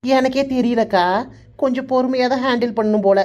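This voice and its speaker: A woman's voice: on the high side, fairly even intonation, brisk, darkish tone, close to an everyday voice. A woman voicing a young, chatty village neighbor in a cartoon, speaking with a Kanyakumari Tamil accent. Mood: puzzled. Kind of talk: cartoon voice acting.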